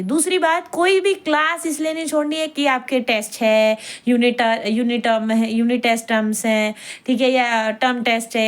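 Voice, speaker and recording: Chatty young woman sharing study tips. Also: a little high. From India. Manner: chatty, mixes English into Hindi, keeps asking "ठीक है?". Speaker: medical student giving advice. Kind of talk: casual advice vlog.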